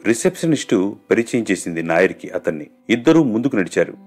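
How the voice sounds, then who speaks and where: Man, storyteller, low voice, measured dramatic narration, faint music. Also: very animated, a little mellow. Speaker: audiobook narrator.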